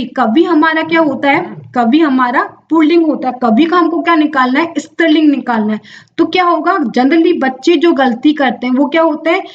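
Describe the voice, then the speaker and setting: A woman's voice: sits high, lo-fi sound, a little hiss or hum. A young woman teaching an exam-prep lesson, explaining step by step, drawing out words and answering her own questions. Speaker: Hindi exam tutor.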